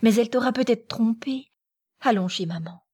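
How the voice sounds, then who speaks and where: A woman voicing a gentle, earnest young girl in an audiobook reading. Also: fairly high pitch, moderate pace, breathy edge, pitched above the performer's own voice. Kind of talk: audiobook character voice.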